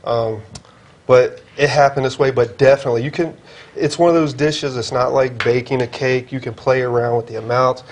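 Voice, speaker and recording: Man, guest chef on a TV segment, candid and easygoing, mid-pitched, faint room noise. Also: moderate pace. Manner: relaxed, candid explainer. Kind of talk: cooking demonstration chat.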